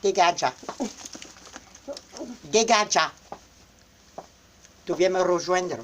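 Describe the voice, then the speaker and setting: A woman with a lowish voice talks unhurriedly on a phone live stream from her small shop. She teases and mock-insults her viewers in a playful, joking way. Her delivery is relaxed and drawn out. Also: extremely slow, slight background noise. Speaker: shop owner promoting a Halloween event.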